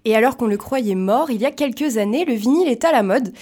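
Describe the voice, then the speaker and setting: A young woman hosting a news show, giving brisk scripted links between segments. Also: on the high side, expressive, dark tone. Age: young adult. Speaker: host.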